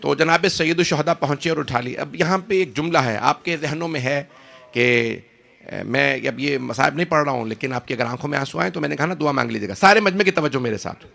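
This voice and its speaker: A man's voice: a little high, vocal fry, sharp tone. A man preaching an impassioned mourning sermon, dramatic and emotional, swearing oaths and rising to cries.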